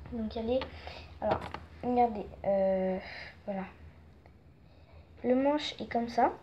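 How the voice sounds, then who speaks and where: A woman vlogger chatting casually and excitedly as she shows off her collection, rambling with fillers and gushing over each item. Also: high-pitched. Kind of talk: casual show-and-tell chat. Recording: dull lo-fi sound with faint noise.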